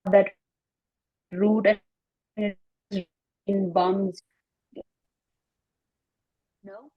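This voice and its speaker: A woman talking on a video call whose internet audio keeps dropping out, so her speech arrives in halting single words. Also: medium pitch, level tone, no echo, muffled recording. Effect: choppy internet audio cutting out word by word. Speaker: guest speaker. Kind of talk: casual video call talk.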